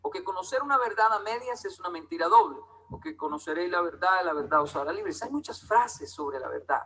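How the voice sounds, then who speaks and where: A man's voice: sits high, animated, fairly quick, pushed and bright, slightly rough, poor audio. A man from Colombia, giving a storytelling talk to a live audience and acting out quoted dialogue in different voices. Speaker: public speaker.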